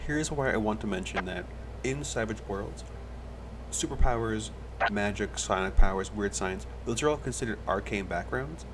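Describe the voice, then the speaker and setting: A man's voice: fairly low pitch, normal speed, noisy background. A man running a tabletop game as game master, explaining rules and describing scenes at length.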